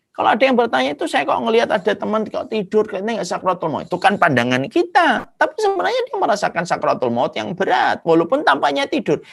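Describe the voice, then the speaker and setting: A man preaching an Islamic sermon, vivid and dramatic, punctuating points with sound words. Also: creaky. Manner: animated, swooping pitch with dramatic sound words.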